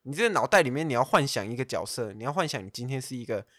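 A man's voice: mid-range voice, sing-song, rapid-fire, fairly bright tone, dry recording. Brash man, dry sound. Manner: brash, coarse, laughs often. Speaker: guest, pickup coach. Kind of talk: casual podcast chat.

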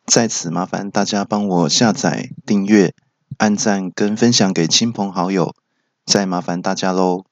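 Taiwanese guy doing a jokey podcast bit, lowish voice, dry dull mic. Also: fairly even intonation, a little slow, dry recording. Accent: Taiwanese Mandarin. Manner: jokey, acts out dialogue with raised voice. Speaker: podcast host. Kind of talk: stand-up style storytelling.

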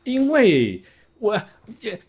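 A man's voice: sits high, huge pitch swings, drawn-out words, darkish tone, slightly rough. A young man with a Taiwanese Mandarin accent, co-hosting a podcast and trading playful, teasing banter. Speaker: podcast co-host. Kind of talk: casual chat.

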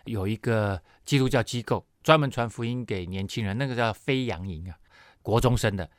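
Man preaching in an expressive testimony. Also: on the low side, normal speed, no room sound, studio quality. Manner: emotional, expressive storytelling with many fillers. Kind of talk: sermon testimony.

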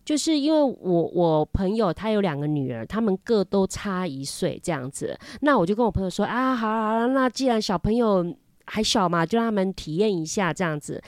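Woman, Taiwanese Mandarin accent, casual storytelling, animated, repeats words, dry voice. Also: brisk, no room sound. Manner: animated, repeats words, lively pitch jumps. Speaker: mother telling a story.

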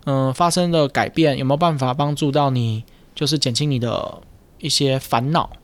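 A man's voice: mid-range voice, steady tone, normal speed. A man, a speech therapist hosting a casual podcast chat, explaining patiently and teasing his co-host. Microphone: studio mic with headphones.

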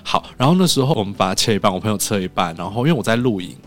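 A man's voice: fairly low pitch, very fast, soft background music. A man from Taiwan, a podcast guest telling stories in casual chat and acting out what people said. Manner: animated storyteller who acts out quoted dialogue.

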